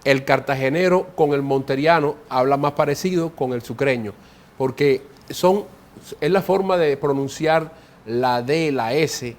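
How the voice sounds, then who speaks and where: This man in his forties speaks a little slowly in a mid-range voice, carrying a Colombian Caribbean coastal Spanish accent. As a guest in an interview, he explains conversationally and tends to repeat words as he hunts for what comes next.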